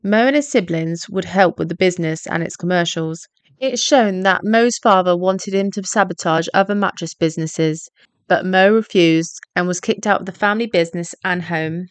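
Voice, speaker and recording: A woman, reading a scripted video essay narration in a measured, explanatory way. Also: on the low side, clean tone, dry recording.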